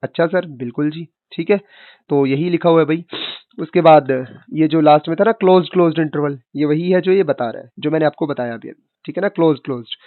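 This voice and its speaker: Talking fast in a fairly high voice, a man teaches maths in an online lecture, casually addressing students as kid and boss. He poses their questions for them before answering, and the dry recording sounds tinny and phone-like, with no room sound.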